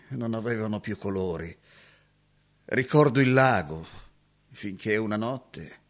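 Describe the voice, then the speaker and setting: An actor playing a heartbroken former woodsman, moving from hushed remembering to anguished cries. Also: fairly low pitch, slightly rough, exaggerated voice. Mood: mournful. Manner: emotional, swinging from hushed recollection to anguished cries. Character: heartbroken former woodsman haunted by lost love. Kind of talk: dramatic acting.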